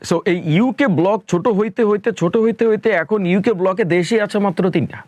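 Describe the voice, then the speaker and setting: A man's voice: high voice, moderate pace, a little mellow, dry recording. A man from Bangladesh answering interview questions as a spoken English educator, talking emphatically and dropping English phrases into his speech.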